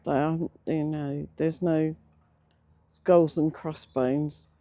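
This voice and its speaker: Older English casual vlogger, medium pitch, relaxed timbre, slightly toothless diction, reflective and hesitant. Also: no room sound. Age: middle-aged or older. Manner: slightly slurred toothless speech, stumbles on words; hesitant, reflective, with many pauses. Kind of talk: casual unscripted vlog narration. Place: outdoors, sitting in a cemetery beside a road.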